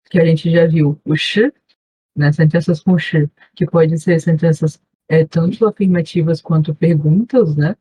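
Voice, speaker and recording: Over a video call, a woman with a Brazilian Portuguese accent gives an online class review as a volunteer teacher, explaining patiently and checking in with students often. Her voice is low, mellow, and slightly rough, and the recording is dry with poor audio.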